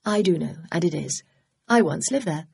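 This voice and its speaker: In an audiobook, a woman plays a wary amateur sleuth whose replies come out curt and crisp. The voice is low, with a gravelly, husky grain. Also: expressive, normal speed, darkish tone, heavily acted. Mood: guarded.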